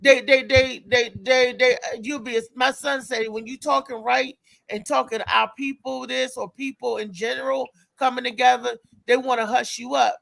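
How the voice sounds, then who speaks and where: Middle-aged man, very high voice, gravelly, stammers and repeats himself, casual chat. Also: steady tone, normal speed, a bit bright, no echo. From Washington, D.C. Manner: stammering, repeats words while building a point.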